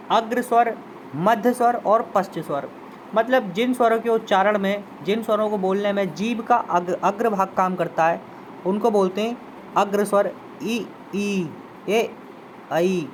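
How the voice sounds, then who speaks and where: A man's voice: sits high, moderate pace, a little hiss or hum, poor audio. A man teaching a Hindi grammar lesson, repeating terms and sounding out example vowels while inviting students to try them. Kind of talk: classroom lesson explanation.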